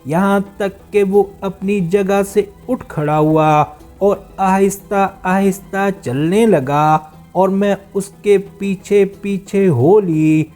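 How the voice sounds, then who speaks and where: Guy reading as a scared lady duck in a storybook, high voice, slow careful telling, soft music underneath. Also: lightly acted. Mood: urgent. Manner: measured storybook reading, slowing at sentence ends. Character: frightened female duck telling her tale. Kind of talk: storybook narration.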